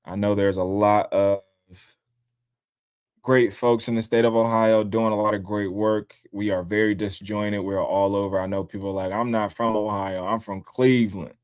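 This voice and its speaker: Hosting a casual livestream from his home in Columbus, Ohio, this man was born in upstate New York and grew up around DC. He's loose and foul-mouthed, imitating others in high, squealing voices. His own delivery is flat, moderately paced, smooth and a little mellow.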